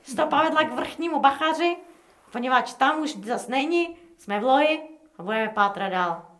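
A woman's voice: high voice, expressive, fairly bright tone, reverberant. A woman voicing a pompous, sly male gang boss who lectures his men in a smug, businesslike way in a storybook reading. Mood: scheming.

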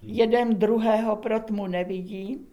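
A woman narrating a humorous folk tale in a lively, expressive reading with dramatic pauses. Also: medium pitch, highs cut off. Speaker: storyteller.

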